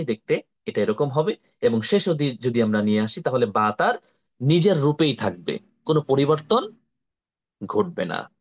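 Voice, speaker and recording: A man teaching how to read the Quran, slowly repeating syllables and asking his pupils to say them with him. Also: mid-range voice. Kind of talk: slow drilling lesson with repetition.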